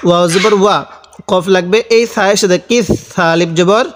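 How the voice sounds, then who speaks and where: A man teaches how to spell out and recite the Quran, explaining each rule methodically and repeating every syllable in a slow chanted recitation. His voice is high-pitched and steady at a moderate pace, with slight background noise and long hall reverb.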